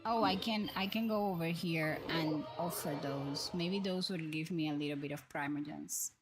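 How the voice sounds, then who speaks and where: The audio is poor, and the host's voice is low at a moderate pace. She rambles casually on her livestream, thinking out loud during a game, while background music plays.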